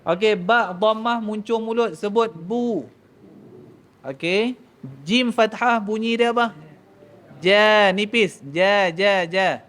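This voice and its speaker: High-voiced teacher drilling sounds. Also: male voice, slow, pauses often, fairly bright tone. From Malaysia. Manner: drills pronunciation, contrasting wrong and right sounds. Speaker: Quran recitation teacher. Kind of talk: mosque tajwid class. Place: mosque hall.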